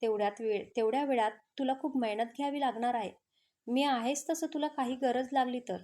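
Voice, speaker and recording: A calm young male student reassures his friend, as a woman storyteller reads his lines. His manner stays gentle and caring, and the voice sits high. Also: fairly quick, lightly acted.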